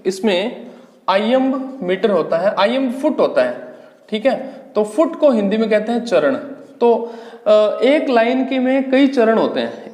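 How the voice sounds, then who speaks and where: High-voiced male teacher in echoey room. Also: a little mellow. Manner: slow, explanatory, repeats key terms and asks rhetorical questions. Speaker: English literature teacher. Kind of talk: exam-prep lecture in Hindi with English terms.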